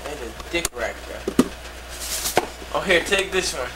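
A man's voice: a little high, expressive, a little slow, far from the mic. Man on a hissy old VHS home tape. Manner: put-on presenter voice. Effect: old VHS home video tape. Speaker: presenter of a comic collection. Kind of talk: mock TV-presenter showing comics. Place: home, indoors. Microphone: camcorder mic across the room.

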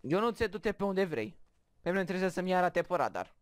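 A man's voice: sits high, very animated, clear, resonant tone. A man chatting and joking with friends while playing an online shooter, often chanting words over and over. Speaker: gaming youtuber. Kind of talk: casual gaming chat with friends.

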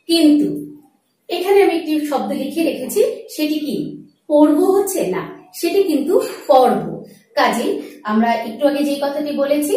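A woman with a high voice teaches at a board, step by step, asking questions and then answering them herself. The room echoes strongly and her voice sits back from the mic. Her delivery is patient and classroom-like. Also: dark tone, distant mic. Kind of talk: board lesson on Bengali pronunciation.

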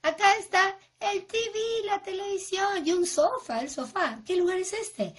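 A young woman teaching English words to small children, with an exaggerated, expressive sing-song delivery. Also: extremely high pitch, measured pace. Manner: exaggerated, expressive, acting out emotions for kids.

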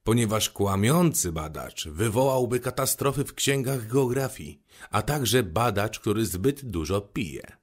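A man voicing a pompous old geographer who lectures slowly and self-importantly. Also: on the low side, animated. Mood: lecturing.

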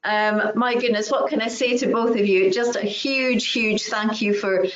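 A middle-aged woman hosts an online panel, encouraging her guests and thanking them warmly. Her voice sits at a middling pitch and comes through a laptop webcam in a roomy, echoing space. The call audio is dull and lo-fi. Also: fairly even intonation, normal speed. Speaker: host. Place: home room. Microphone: laptop webcam video call. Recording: echoey lo-fi video call audio.

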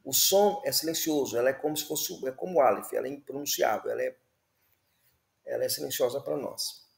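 A man's voice: mid-range voice, fairly quick, vocal fry, reverberant. A man teaching the Hebrew alphabet, patiently repeating words and checking in with listeners. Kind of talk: slow classroom explanation.

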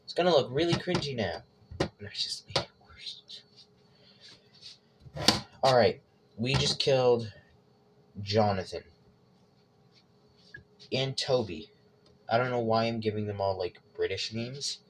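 A man's voice: medium pitch, expressive, measured pace, pauses often. A man hosting a casual cooking vlog, talking through his steps with joking, self-mocking asides. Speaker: cooking vlogger. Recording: loud background noise.

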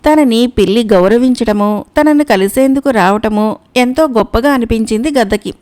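A woman narrating a moral folk tale in a measured, expressive storytelling manner. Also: on the high side, clean tone.

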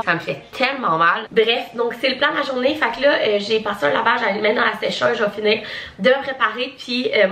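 A woman's voice: mid-range voice, bright, forceful tone. A young woman with a Québécois French accent, chatting casually to camera in a vlog, with lots of fillers and asides. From Quebec, Canada. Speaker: vlogger.

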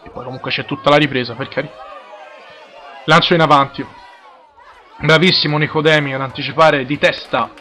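An Italian man gives live play-by-play of a football match. He speaks in measured, halting short phrases as he follows the ball, with some crowd noise around him. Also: a little high, fairly even intonation, bright, forceful tone. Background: crowd at a football ground.

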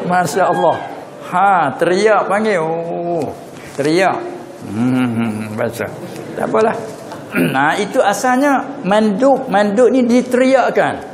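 A man's voice: high-pitched, lively intonation, noisy background. A man from southern Thailand with a Patani Malay accent, giving a religious lecture and putting questions to his listeners. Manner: questioning listeners, drawn-out Arabic terms. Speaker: religious teacher. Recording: echoey hall recording.

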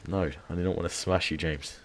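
A man with a very low, deep voice chats with his viewers while he plays. He keeps his voice down, bantering and swearing casually. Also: fairly even intonation, fairly quick. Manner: laid-back banter, heavy swearing; keeps voice down, hushed. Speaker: gaming streamer. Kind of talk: casual live-stream commentary.

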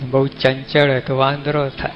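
A man's voice: medium pitch, monotone, moderate pace. A man with a Gujarati accent, giving a folksy, conversational sermon as a monk, often asking his listeners questions. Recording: dull lo-fi recording with faint music.

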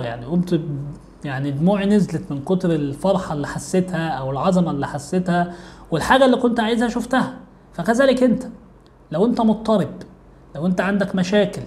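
A man's voice: high voice, darkish tone. A man with an Egyptian Arabic accent speaking earnestly to his viewers in a monologue, often repeating his key points. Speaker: host of a religious advice channel. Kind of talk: direct-to-camera monologue.

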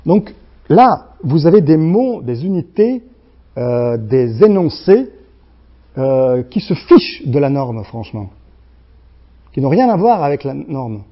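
Slovene guy w slavic accent lecturing, highish voice, lots of uh and restarts, muffled lo-fi rec. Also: big pitch swings. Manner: halting, many restarts and fillers, acts out sounds. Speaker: guest lecturer. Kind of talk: university lecture.

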